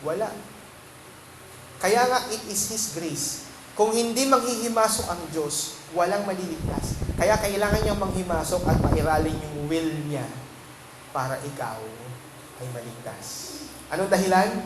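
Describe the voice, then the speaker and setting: A man's voice: high voice, measured pace. A Filipino man preaching as a pastor, often asking the congregation questions and mixing English phrases into his talk. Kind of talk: sermon. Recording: echoey room with background noise.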